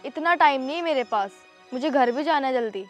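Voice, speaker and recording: A woman's voice: high voice, lively intonation, fairly quick, soft background music. An actress playing an anxious young village woman hiding a romance, with a pleading manner. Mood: worried.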